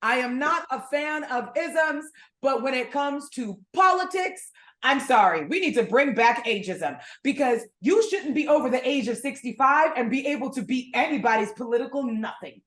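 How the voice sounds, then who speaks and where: A woman's voice: sits high, expressive, moderate pace, a bit bright, reverberant. A woman co-hosting a casual podcast, talking bluntly and animatedly and swearing freely. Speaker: podcast co-host. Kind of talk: casual chat.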